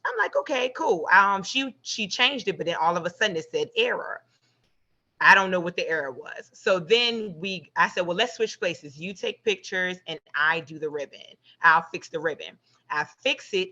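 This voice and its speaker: A woman's voice: on the low side, sharp tone. A woman who runs a photo booth business, telling a story expressively on a video call panel. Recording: slightly muffled call audio.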